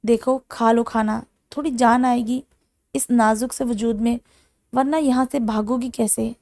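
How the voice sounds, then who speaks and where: A woman's voice: a little high, steady tone, dark tone, no room sound, studio quality, lightly acted. A woman voicing a hot-tempered, mocking young man in a romance audiobook. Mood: harsh. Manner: harsh, mocking.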